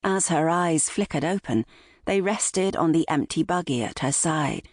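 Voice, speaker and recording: A woman narrating a novel in a measured, expressive storytelling voice. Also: deep voice, no room sound, studio quality. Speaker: audiobook narrator. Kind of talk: scripted narration.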